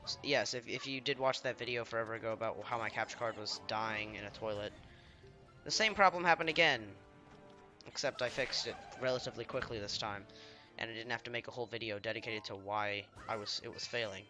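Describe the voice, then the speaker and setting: A let's play gamer, slightly hoarse because he's under the weather, rambles self-deprecatingly over his game and trails off mid-sentence. His voice is lowish, fairly quick and sharp in tone, with faint music behind.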